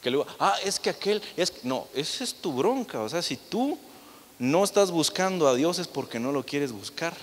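A young man preaching to his congregation in a lively way, tossing out rhetorical questions and acting out the people in his stories. His voice sits a bit high for a man. It rings out with the long reverb of a church hall. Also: normal speed, a little hiss or hum. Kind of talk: sermon.

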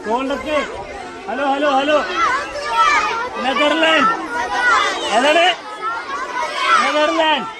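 A man's voice: very high-pitched, normal speed, pauses often. A man working as a farm guide, giving a playful outdoor class to schoolchildren and quizzing them with questions, raising his voice to be heard. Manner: raises voice to be heard over the children. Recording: loud crowd of children and outdoor noise. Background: loud chatter of many children outdoors.

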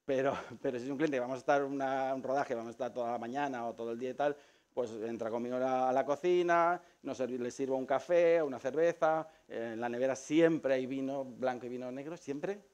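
Casting: Catalan-man, relaxed, rambling photographer giving a studio tour. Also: medium pitch, a little fast. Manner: relaxed, rambling, many fillers and restarts; animated storytelling with acted quotes. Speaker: photographer showing his studio. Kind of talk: casual explanatory tour.

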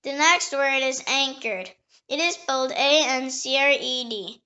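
A woman reading dictionary entries aloud slowly and carefully, spelling each word letter by letter and sometimes stumbling and restarting a word. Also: sits high, sharp tone, highs cut off. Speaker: dictionary reader.

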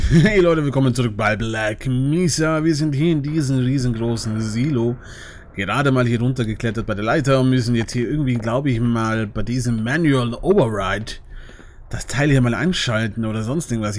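A man doing let's play commentary on a game, excitable, yelping when startled and chatting to his viewers in between. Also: mid-range voice, moderate pace, slight background noise. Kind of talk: gaming commentary.

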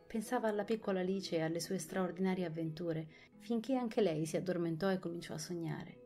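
Female audiobook narrator, low-pitched, clear and expressive, faint music bed. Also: a little fast.

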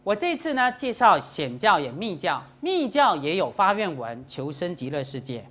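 A woman, a Buddhist nun, giving a dharma lecture to an audience in a lively, teasing way, dropping in English words now and then. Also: on the low side, normal speed.

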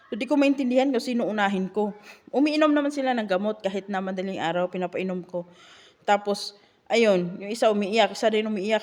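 A woman, a live-in nanny, chatting in a casual vlog with rhetorical asides and animated storytelling. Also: a little high.

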